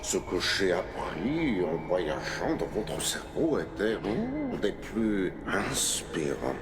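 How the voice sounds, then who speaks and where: A gloating cartoon villain. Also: male voice, low voice, huge pitch swings, background noise, exaggerated voice. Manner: slow, drawn-out menace with sudden shouts. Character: scheming male mind-controlling villain, cold and gloating. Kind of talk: cartoon dub acting. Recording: roomy echo with music underneath.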